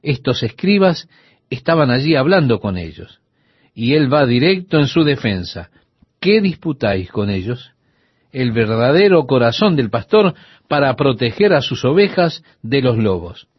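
Husky lively man teaching the Bible. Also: mid-range voice, moderate pace, no room sound, highs cut off. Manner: lively storytelling, voicing the people in his anecdote.

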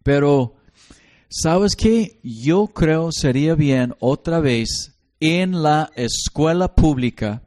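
Slow, animated man teaching. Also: fairly high pitch. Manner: animated storytelling, slips into English. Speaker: Bible study teacher. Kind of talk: casual Bible study teaching.

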